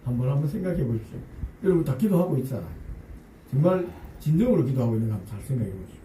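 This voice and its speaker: A man preaching as pastor, talking in a lively, conversational way, with rhetorical questions and humorous asides for the congregation. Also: medium pitch, racing, a little hiss or hum. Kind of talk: sermon. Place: church sanctuary. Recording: echoey church room, voice picked up from a distance.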